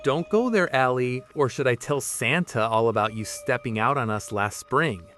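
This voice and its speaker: A man voicing a curt, dismissive divorced mother who talks sharp, quick and snide. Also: fairly high pitch, lively intonation, soft background music.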